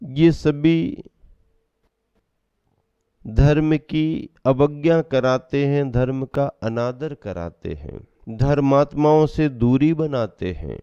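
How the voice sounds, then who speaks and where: A man giving a sermon as a Jain monk, preaching slowly and measuredly, asking rhetorical questions and answering them himself. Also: medium pitch, warm tone, smooth, dry recording, muffled recording.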